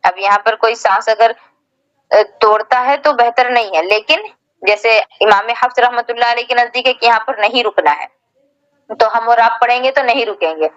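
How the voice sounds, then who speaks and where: A woman's voice: fairly high pitch, fairly bright tone, no room sound, lo-fi sound. A woman teacher giving a religious lesson, patiently explaining each term and restating it in simpler words. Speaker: Islamic teacher.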